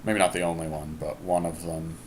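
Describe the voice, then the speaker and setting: Here the podcast host talks fairly quickly in a low, level tone as he works through his card deck picks. He weighs options out loud in a relaxed way, and a little hiss or hum is audible.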